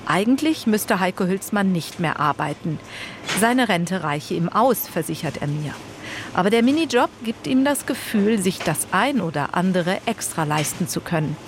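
A woman narrating a news report in a measured, scripted read. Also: lowish voice, noisy background. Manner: measured, even reading.

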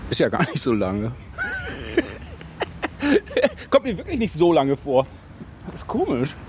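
A man's voice: mid-range voice, huge pitch swings, a little fast. A middle-aged or older man chatting casually and reminiscing, as a long-time regular of the place. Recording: outdoor recording with faint noise.

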